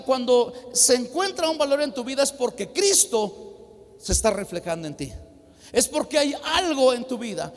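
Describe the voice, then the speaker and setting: A male pastor with a high, bright voice preaching to a youth congress. His words ring out through a large hall with a long reverb, and he moves between loud emphasis and quiet storytelling. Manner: emphatic preaching, dropping to a hushed voice when telling a personal story. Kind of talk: sermon.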